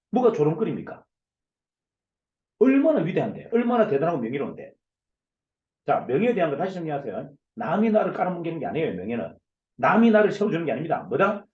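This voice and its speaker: Loud, emphatic man lecturing over echoey call. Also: fairly high pitch, lo-fi sound. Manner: loud, emphatic, hammering rhetorical questions. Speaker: company CEO giving a business lecture. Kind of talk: forceful motivational lecture. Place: online video session. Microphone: video call.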